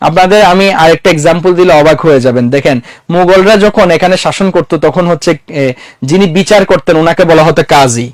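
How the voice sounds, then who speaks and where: A man's voice: on the high side, fast, no echo. A man lecturing a classroom in a conversational way, quizzing his students and mixing English words into his talk. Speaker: teacher.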